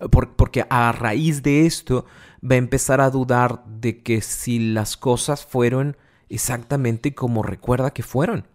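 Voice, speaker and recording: A man's voice: medium pitch, fairly even intonation, measured pace, a little mellow. A man giving an informal, explanatory talk on relationships, speaking conversationally with frequent restarts. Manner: conversational, explains patiently with many restarts and everyday examples.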